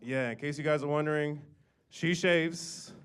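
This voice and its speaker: Young guy doing standup at a club, dry delivery, bit of a higher voice, gets fake-mad at his mom bits. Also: measured pace, smooth. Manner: deadpan crowd work, rising to mock outrage. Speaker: stand-up comedian. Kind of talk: stand-up set. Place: comedy club stage. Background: audience laughter.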